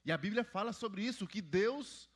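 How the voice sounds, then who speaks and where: Man as pastor, higher voice, very animated pitch, quizzing kids through a church Bible class. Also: moderate pace. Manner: asks the children questions and prompts answers. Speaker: pastor teaching Sunday school. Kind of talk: Bible lesson for church and children.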